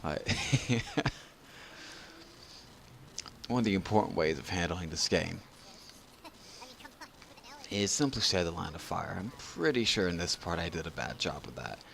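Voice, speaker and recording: Drunk man with a low, gravelly voice. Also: lively intonation, moderate pace, long pauses, a bit bright, a little hiss or hum. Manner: rambling, losing his train of thought. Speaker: gameplay tutorial narrator. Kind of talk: casual video game commentary.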